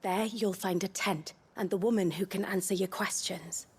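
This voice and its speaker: A woman's voice: mid-range voice, fairly even intonation, husky. An actress playing a flirtatious, teasing woman who carries messages, in a video game, with a coy manner. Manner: slow and coy, with frequent laughs. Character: flirtatious, teasing female tavern messenger.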